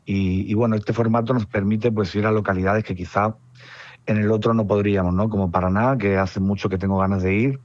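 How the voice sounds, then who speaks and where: Over a telephone line with no room sound, a Spanish musician guest from Murcia reflects on his tour in a relaxed way. He has a southern Murcian accent and a lowish voice, talks a little fast, and drops fillers such as "pues" and "nada."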